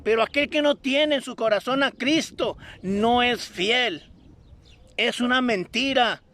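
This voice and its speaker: Speaking unhurriedly in a very high-pitched, sharp-toned voice, a man preaches passionately to an online audience through a streamed broadcast. His exhortations lean on repeated, insistent phrases.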